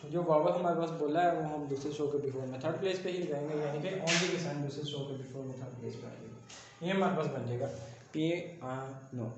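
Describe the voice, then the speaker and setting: A man teaching a shorthand class, slowly spelling out syllables and repeating each step. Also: a little high. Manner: slow, repetitive, spells out syllables. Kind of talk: classroom lesson explaining steps. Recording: very echoey, dull lo-fi sound, faint noise.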